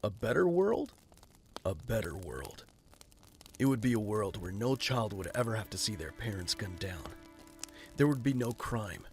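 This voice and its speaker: A man voicing Batman as a young billionaire in an audio drama, speaking earnestly and solemnly. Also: lowish voice. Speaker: voice actor. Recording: with background music.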